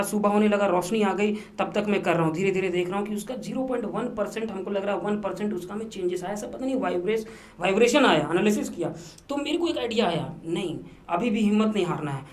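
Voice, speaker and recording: A man in a podcast studio spins a story as the guest, piling up repeated phrases and slipping in English words as he goes. His telling is lively and emphatic, full of little restarts and asides to the host. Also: high voice. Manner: animated, repetitive storytelling, mixing English words into Hindi. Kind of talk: casual storytelling interview.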